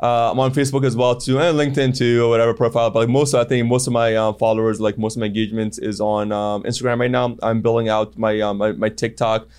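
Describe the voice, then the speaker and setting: A man's voice: medium pitch, little pitch movement, fast, few pauses, darkish tone, smooth. A man talking as a guest on a podcast, rambling with many fillers and restarts. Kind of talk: casual interview talk.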